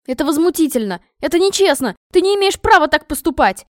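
A woman voicing a spoiled, indignant young princess with a shrill, shouting delivery in an audiobook. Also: expressive, normal speed, dry recording, clean studio sound. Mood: outraged. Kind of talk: audiobook reading.

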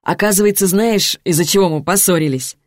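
A woman's voice: lowish voice, a little fast, a little mellow, no room sound, clean studio sound, natural voice. A woman voicing a cheerful young man, an expectant father, speaking eagerly and drawing out his words. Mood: beaming.

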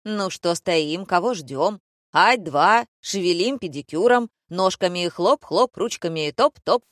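A woman voicing a loud, rude, bossy male theatre director who shouts mocking, theatrical insults in an audiobook. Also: lowish voice, expressive, a little slow, no echo, studio quality. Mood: barking, mocking. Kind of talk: audiobook character voice.

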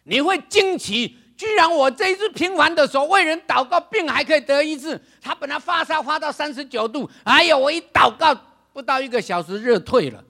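An older male pastor preaching a sermon. He is dramatic, acts out other people's voices, laughs and shouts for emphasis. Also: very high-pitched, lively intonation, a little fast.

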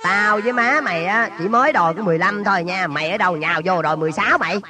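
An actor playing a quick-tempered, bickering middle-aged father in a comic family skit, scolding and exasperated, with music behind. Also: sits high, lightly acted. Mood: irritated.

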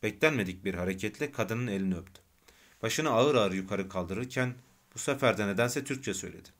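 A man narrating an audiobook of a novel in a calm, measured reading. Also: on the low side. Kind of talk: scripted narration.

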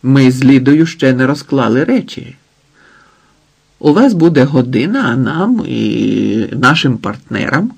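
A man's voice: medium pitch, sing-song, a little slow, vocal fry, breathy edge, full character voice. A man reading a fussy, controlling man. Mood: coaxing.

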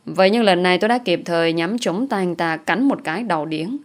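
A woman narrating a dramatic audio story in the first person, in a steady storytelling manner. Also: lowish voice, a little fast.

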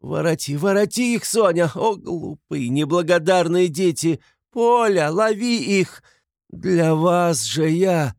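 A man reading an audiobook, voicing a desperate consumptive woman in shrill, wailing hysterics. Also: measured pace, creaky, a little mellow, no echo, clean studio sound.

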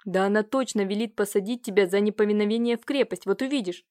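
A woman reading an audiobook, voicing an agitated older nobleman who scolds and nags his nephew with a hoarse, rising voice. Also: a little high, animated, a little fast, lightly acted. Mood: scolding. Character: agitated older nobleman uncle, jealous and nagging.

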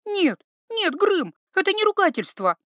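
A woman voicing a soft-hearted young female herbalist who talks in a high, pleading, excitable way. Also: measured pace, no echo, clean studio sound, exaggerated voice.

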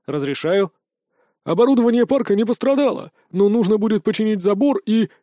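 A man's voice: sits high, lively intonation, a little fast, warm tone, no room sound, voice pushed up. Guy voicing a by-the-book soldier giving a report, raised voice, dry. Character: dutiful male soldier reporting to his lord. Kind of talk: audiobook character voice.

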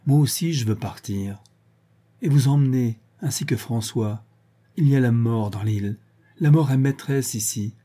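A man's voice: mid-range voice, moderate pace, warm tone, natural voice. A man reading an audiobook and voicing a frightened Breton housekeeper who pleads and fears the cursed island. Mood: insistent. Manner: fearful, pleading, superstitious.

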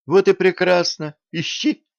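A man's voice: high-pitched, fairly even intonation, unhurried, vocal fry, no echo, highs cut off, voice pushed up. A man doing a cocky bossy young schemer. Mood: commanding. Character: young brash scheming man, royal gossip.

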